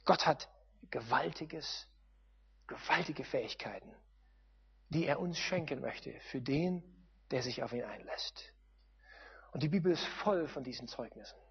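A man giving a sermon-style testimony, telling his story with animated, sudden loud emphasis. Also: medium pitch, a little slow, creaky, long pauses, breathy edge. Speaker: missionary speaker. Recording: dull lo-fi sound with long hall reverb.

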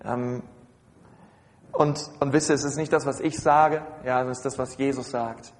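A man's voice: mid-range voice, steady tone, measured pace, long reverb tail. A man preaching a sermon in a conversational way, with many fillers and asides and frequent rhetorical questions to the congregation.

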